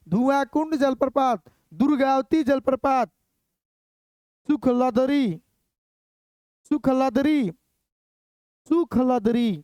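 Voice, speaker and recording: A woman's voice: high-pitched, a little mellow, clear, resonant tone, no room sound. A woman teaching an exam-prep lesson, repeating place names again and again as memory drills. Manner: drills terms by repeating them over and over.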